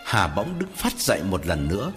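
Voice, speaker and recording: Lively man narrating a ghost story. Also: low-pitched, normal speed, faint music behind. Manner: expressive storyteller. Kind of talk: dramatic horror story narration.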